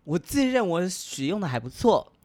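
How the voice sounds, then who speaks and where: A man's voice: high-pitched, very animated, normal speed, darkish tone, no echo. A man with a Taiwanese Mandarin accent, co-hosting a casual podcast chat, playful and sprinkling English words into his speech. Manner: playful, mixes in English words, leads the topic. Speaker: podcast co-host.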